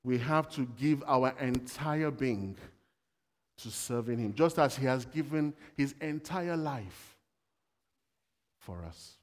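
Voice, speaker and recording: A man's voice: mid-range voice, lively intonation, slow, pauses often, long reverb tail. A man giving a sermon in a conversational way, telling everyday stories and asking the congregation questions. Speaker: preacher.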